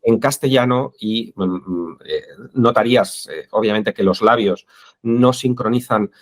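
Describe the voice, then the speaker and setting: A man's voice: lowish voice, unhurried. A man with a Spain Spanish accent, interviewed as an expert guest, who speaks hesitantly with many fillers. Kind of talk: interview conversation.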